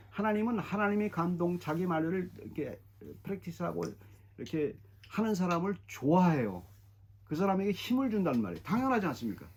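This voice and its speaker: A middle-aged man preaching a sermon as pastor, emphatic and animated, often repeating his phrases. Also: on the high side, breathy edge. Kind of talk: expository sermon.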